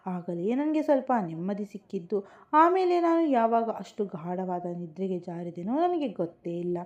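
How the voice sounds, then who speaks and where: A woman narrating a suspense story in the first person, with a steady, dramatic reading. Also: medium pitch. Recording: muffled lo-fi recording.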